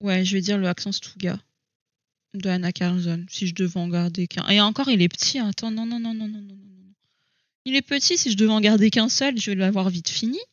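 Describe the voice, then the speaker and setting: A woman's voice: mid-range voice, fairly even intonation, a little fast, no echo, highs cut off. A woman chatting casually to camera at home about her coloring books, thinking aloud and hesitating with many fillers. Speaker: coloring hobby vlogger.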